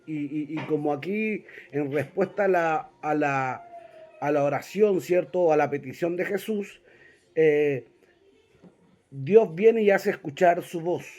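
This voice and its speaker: A man with a slightly high, darkish voice leads a Bible class. He reads scripture aloud, points listeners to verses, and regularly checks in with them.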